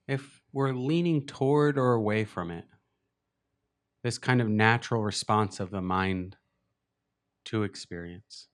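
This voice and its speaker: A man at medium pitch leads a guided meditation. As the teacher, he talks softly and slowly, with long pauses between thoughts.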